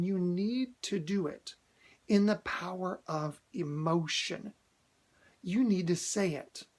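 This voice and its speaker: A man hosting a motivational video, talking earnestly to camera, repeating key phrases for emphasis and restarting often with fillers. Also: sits high. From United States. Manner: hesitant restarts with frequent uhs.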